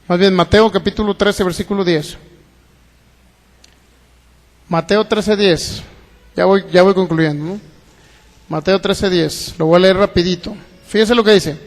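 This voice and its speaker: A man's voice: high voice, fairly even intonation, normal speed. A man preaching a sermon as pastor, reading scripture and asking the congregation rhetorical questions. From Mexico. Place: church hall. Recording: long hall reverb.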